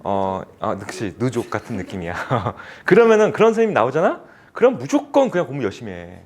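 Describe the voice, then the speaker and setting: Guy teaching a math class, lively up and down voice, jokes around with students. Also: medium pitch, brisk. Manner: chatty, teasing students, casual speech. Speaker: math tutor. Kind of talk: classroom lecture with banter. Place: cram school classroom.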